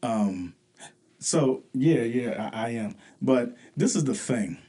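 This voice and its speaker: Husky-voiced man co-host. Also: mid-range voice, expressive, takes it slowly, dark tone. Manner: rambling, stammering, laid-back slang. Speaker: podcast co-host. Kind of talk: casual relationship talk.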